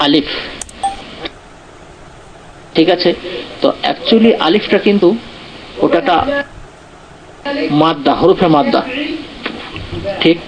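A man teaching Quran recitation in an online class, explaining patiently and checking in with his students often. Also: on the high side. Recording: muffled online call audio.

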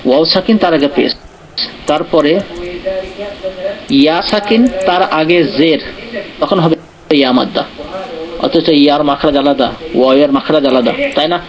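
A man's voice: fairly high pitch, moderate pace, pauses often, crowd noise. A man teaching Quran recitation in an online class, explaining patiently and checking in with his students often. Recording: muffled online call audio.

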